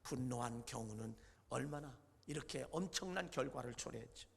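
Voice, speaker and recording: A man pastor preaching a Sunday sermon, retelling scripture dramatically with acted quotes, moving between loud outbursts and low hushed lines. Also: lively intonation, normal speed, creaky, slightly rough, long reverb tail. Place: church sanctuary.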